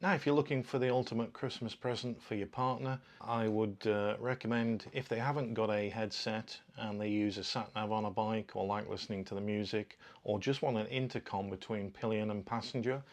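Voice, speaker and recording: Speaking a little fast and hardly pausing, the host's lowish, fairly even voice carries an informal unboxing and fitting demo, narrated step by step as he shows the product.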